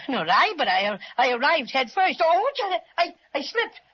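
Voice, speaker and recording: A woman's voice: high voice, big pitch swings, a little slow. A woman voicing a cheerful little stuffed teddy bear with an easygoing, chummy manner, in an old radio serial. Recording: muffled 1930s radio recording.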